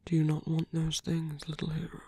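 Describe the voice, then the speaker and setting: A man playing a seductive, calm villain leader in an ASMR roleplay, breathy and intimate as he slowly coaxes a captive hero. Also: a little high, dry recording. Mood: tender, persuasive. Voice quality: breathy, husky, often whispering. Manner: slow, intimate, persuasive. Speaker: voice actor. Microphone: close, dry microphone.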